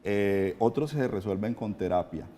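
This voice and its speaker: A man explaining voice and diction exercises in a calm, measured, instructive way in a TV studio chat. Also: on the low side. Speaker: voice coach guest on a morning show.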